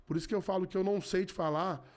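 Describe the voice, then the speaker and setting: A man's voice: high-pitched, fairly even intonation, very fast. A man in his thirties, a podcast guest giving an earnest personal testimony in casual chat, often restarting and repeating his words. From Rio de Janeiro. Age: 30s. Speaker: podcast guest, gospel musician.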